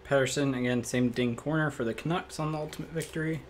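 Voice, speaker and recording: A man with a slightly raspy, medium-pitched voice talks fast as he hosts a card break, reading each card in a relaxed, matter-of-fact way and thinking aloud. A fixed camera records him at an indoor table, with slight background noise, in casual card-opening commentary.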